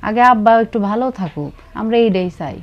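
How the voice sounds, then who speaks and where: A woman's voice: medium pitch, expressive, fast talker, muffled recording. An actress playing a caring eldest daughter in her young adult years, earnest and concerned about her father. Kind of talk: TV drama acting.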